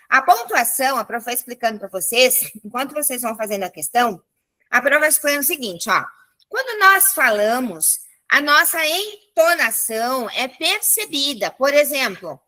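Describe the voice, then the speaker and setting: Young Brazilian woman, school teacher with a high, very bright voice, lively and chatty with her class. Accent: Brazilian Portuguese. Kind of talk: live online class for children.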